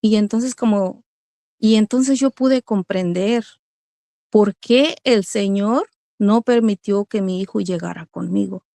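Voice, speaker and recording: A woman's voice: mid-range voice, slow, creaky, mellow, dry recording. A middle-aged woman giving an earnest religious testimony as a mother, speaking to her listeners as brothers.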